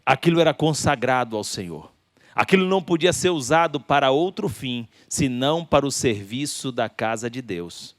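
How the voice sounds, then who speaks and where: A man with a Brazilian Portuguese accent, preaching a sermon as a pastor with emphatic delivery and deliberate pauses. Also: mid-range voice, lively intonation, dry recording, clean studio sound.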